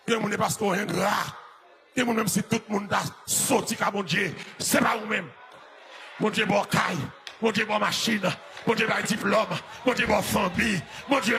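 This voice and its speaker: A Haitian-accented male pastor shouts his sermon in a high, gravelly voice. He chants and half-sings repeated lines in call-and-response fashion. Loud live music and a congregation fill the church recording around him. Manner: chanting, half-singing refrains. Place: church service.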